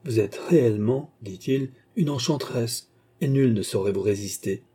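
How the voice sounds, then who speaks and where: A man voicing an eager, flattering older cardinal in an audiobook, speaking in a courtly, insistent way. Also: medium pitch, normal speed, breathy edge, lightly acted.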